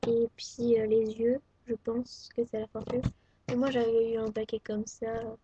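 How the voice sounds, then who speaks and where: Showing her crafts to a webcam at home, a French teenage girl talks casually and hesitantly, leaning on many fillers. Her pitch is on the high side, her delivery flat and her pace moderate. The dull, lo-fi webcam sound is noisy, and a vacuum cleaner runs faintly in the background.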